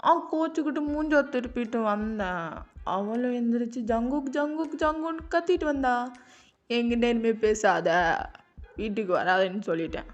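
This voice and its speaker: A woman's voice: fairly high pitch, moderate pace, lightly acted. A woman voicing a heartbroken young man who sulks and pities himself over drinks with friends, in slangy talk. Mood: bitter. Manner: self-pitying, slangy, sulking. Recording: dull lo-fi audio with music.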